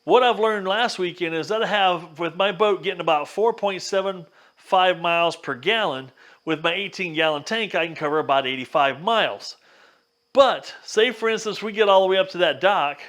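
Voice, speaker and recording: With a high, slightly bright voice, a folksy and plainspoken vlog host demonstrates a DIY project, casually guiding the viewer step by step.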